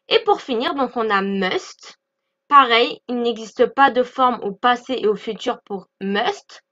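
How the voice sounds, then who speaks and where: Bright high-voiced teacher. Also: female voice, muffled recording. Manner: patient, repeats "d'accord?" often. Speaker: English teacher. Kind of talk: explaining lesson over slides.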